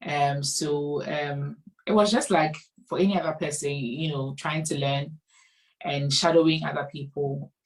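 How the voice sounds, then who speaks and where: Low-voiced Ghanaian woman, a little distant. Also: steady tone, unhurried. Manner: friendly, laughs often, repeats words when starting. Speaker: guest, nurse. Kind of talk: casual interview.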